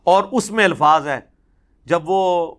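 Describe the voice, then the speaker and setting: A man's voice: high-pitched, fairly bright tone. A man giving an impassioned religious lecture, recounting traditions with emphatic repetition in touched by a lilt. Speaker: religious speaker.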